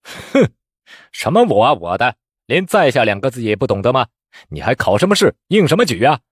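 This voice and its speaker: A man voicing a greedy, cowardly male exam official who mocks candidates with a shrill, sneering voice. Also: sing-song, moderate pace, dry recording, studio quality. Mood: scornful. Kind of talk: storytelling voice acting.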